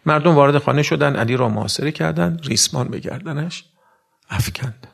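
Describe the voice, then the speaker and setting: A man preaching a mourning sermon, retelling events with dramatic swings from hushed whispers to loud cries and speaking directly to his listeners. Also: a little high, vocal fry.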